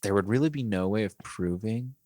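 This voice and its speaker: A young man co-hosting a casual podcast chat, telling stories in an animated way with lots of fillers. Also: on the low side, fairly quick, dry recording, studio quality. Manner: animated storyteller, many fillers. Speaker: podcast co-host.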